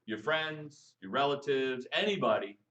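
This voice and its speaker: A man coaching a live audience on texting for network marketing, lively and jokey, firing questions at the room. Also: mid-range voice, measured pace, lo-fi sound. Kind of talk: live stream training talk to an audience.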